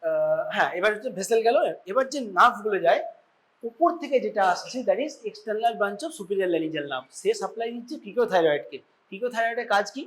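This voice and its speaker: A man's voice: high-pitched, animated, brisk, a bit bright. A man with a Bengali accent giving an informal surgery lecture to medical students, often quizzing them and checking that they follow.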